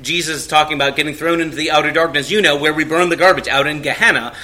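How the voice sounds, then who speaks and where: A man's voice: on the high side, fast talker, sharp tone. A man in a conversational theological discussion, talking discursively and rephrasing as he goes. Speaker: podcast panelist.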